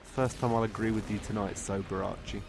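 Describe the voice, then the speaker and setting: A man's voice: lowish voice, fairly even intonation, a little fast, gravelly, over music. A drunk man giving a casual, comedic film review, rambling off script, exasperated and swearing often. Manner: drunk, getting drunker, rambling and losing his thread.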